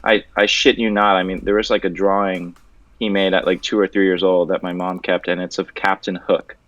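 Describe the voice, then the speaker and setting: A young man from Venezuela, talking casually and joking as a guest artist, loose and relaxed, with the odd swear word. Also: deep voice, fairly quick, dry recording. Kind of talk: casual interview chat. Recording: dull, dry audio.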